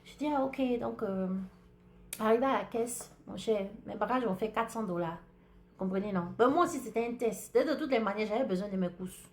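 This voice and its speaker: Here a podcast host from Africa, a woman with an African French accent, speaks briskly in a mid-range voice. Her casual monologue is a lively, chatty retelling of a personal story aimed right at her listeners.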